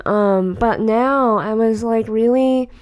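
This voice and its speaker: A podcast co-host in her late twenties talks slowly in a voice on the high side, with a darkish yet clean tone. Her casual chat rambles, full of fillers and restarts.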